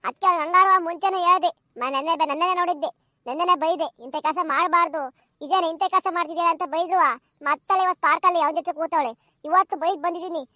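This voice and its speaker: A piercing, bright, squeaky old village granny chatters at a rapid clip and loves a scandal, as a woman puts her on for a cartoon. She nags and dramatizes everything, and the sound is close and dry with no room around it. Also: steady tone, no room sound. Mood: scandalized. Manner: fast, nagging, dramatic village gossip. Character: shrill gossiping village grandmother, scolding.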